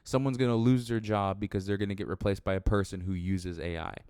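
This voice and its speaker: A fast-talking man with a low, steady, darkish voice that is clear and resonant is recorded with clean studio sound and no room sound, in a sparsely furnished room. Speaking as a first-time solo podcaster or vlogger, he rambles casually without a script, bluntly mocking himself and swearing frequently.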